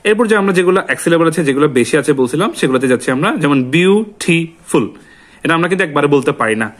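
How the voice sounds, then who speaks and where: A man's voice: a little high, lively intonation. Man teaching grammar, asking questions aloud. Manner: asks questions and answers them himself; repeats word forms in slow drills. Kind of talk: classroom grammar lesson.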